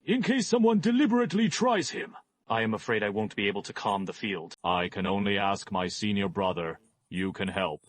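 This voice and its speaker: A man voicing an excitable, envious Taoist sect elder in an overacted anime dub, with a husky voice and a theatrical, pleading and grumbling manner. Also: on the low side, a little fast.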